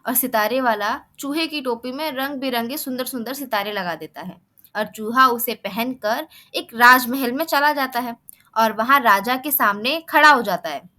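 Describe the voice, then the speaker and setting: A woman narrating a children's story in an expressive storytelling manner. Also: fairly high pitch, normal speed.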